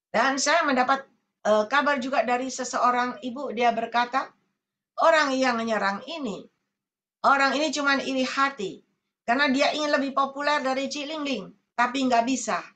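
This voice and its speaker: Bright-voiced woman preaching earnestly. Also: high-pitched. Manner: earnest, repeats phrases, addresses listeners as saudara. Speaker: evangelist. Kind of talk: sermon over Zoom. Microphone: video call.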